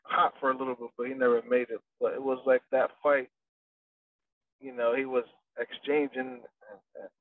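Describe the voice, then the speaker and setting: A man who trains boxers chats in a casual interview at a moderate pace, his mid-range voice flat, his talk rambling with fillers and restarts. The dry recording has a distant, phone-like quality.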